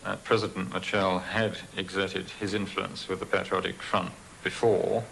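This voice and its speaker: A former official recalling events in a measured interview. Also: male voice, low voice, level tone, vocal fry, fairly bright tone, a little hiss or hum, low-quality recording. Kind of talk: interview recollection.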